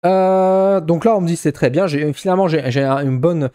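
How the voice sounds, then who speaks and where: A man's voice: fairly high pitch, moderate pace, mellow, clear, resonant tone, no echo, clean studio sound. A shy young man with a Ch'ti accent, from northern France, chatting casually in a vlog with many hesitant restarts. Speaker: vlogger.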